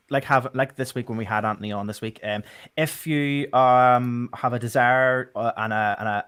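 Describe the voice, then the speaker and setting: A man's voice: medium pitch, fairly bright tone, no echo. A man from Northern Ireland hosting a casual podcast chat, rambling with many ums and restarts. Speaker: podcast host.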